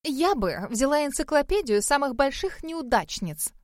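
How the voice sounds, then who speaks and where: A woman narrator puts on a spoiled, furious young woman with a shrill, high voice. She snaps and sneers at everyone. The reading is dry and close. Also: sing-song, normal speed, dry recording. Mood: angry, scornful. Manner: shrill, snapping, contemptuous.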